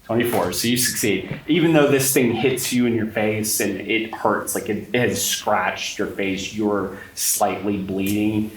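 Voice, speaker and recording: A man game-mastering a tabletop horror game, talking very slowly and deliberately. His voice is fairly low. He sounds distant from the mic, in an echoey room with faint noise. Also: fairly even intonation. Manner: slow, descriptive, addresses players directly.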